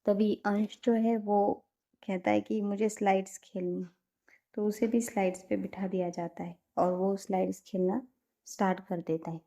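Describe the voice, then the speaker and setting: A woman tells a romantic story in a soft, half-whispered way. Her voice is mellow and dark with a husky, breathy edge and a gravelly fry on the low ends. She keeps a calm, even storytelling pace. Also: moderate pace. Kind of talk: scripted story narration.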